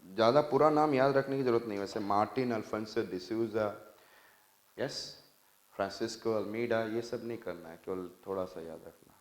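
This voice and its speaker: A man's voice: on the low side, moderate pace, reverberant, rough recording. A man with an Indian accent teaching an exam coaching class, emphatic and quizzing students to repeat after him. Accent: Indian English. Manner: emphatic, asks class to repeat, mixes English and Hindi.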